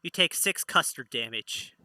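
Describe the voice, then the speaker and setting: A man's voice: mid-range voice, lively intonation, a little slow, pushed and bright, no room sound. A man narrating a tabletop role-playing game as its playful game master.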